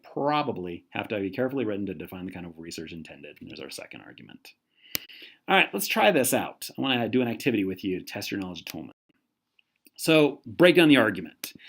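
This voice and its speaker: A man lectures with a very lively, swinging pitch, animated and expressive. He slips into quoted voices mid-sentence and corrects himself with quick asides as he explains. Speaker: teacher. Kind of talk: recorded lecture.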